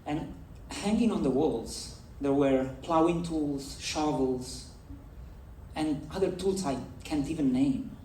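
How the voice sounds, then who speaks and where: An Italian man gives a storytelling keynote, drawing the audience in with direct questions. His voice is mellow and sits a touch high for a man. The sound is roomy and distant, like a big stage heard from afar. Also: slow pace, slight background noise. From Italy. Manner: engaging, addresses the audience directly. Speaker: conference speaker. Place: large festival stage. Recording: echoey hall, voice from far off.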